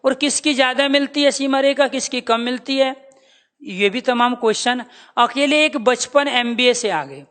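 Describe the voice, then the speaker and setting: A man's voice: extremely high pitch, moderate pace, a bit bright. A man teaching a lesson to students, calling them dear children and drilling the sounds by repeating them. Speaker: Hindi teacher. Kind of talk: classroom lecture.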